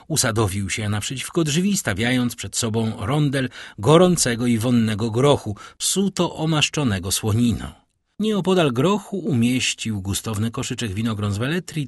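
A man narrating a classic novel in an expressive storytelling reading. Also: medium pitch, dry recording, studio quality. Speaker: audiobook narrator.

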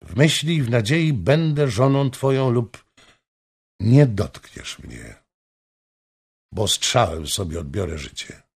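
A man voicing a calm resolute woman. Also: takes it slowly, vocal fry, pauses often, slightly rough, exaggerated voice. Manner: low, quiet, steady. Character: brave resolute young woman, calm and firm.

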